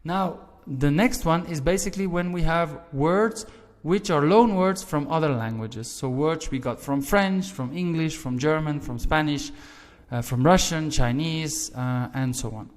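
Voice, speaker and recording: A man's voice: fairly high pitch, a little slow, long reverb tail. A man teaching a language lesson, explaining grammar rules patiently, repeating each example and checking in with "right?".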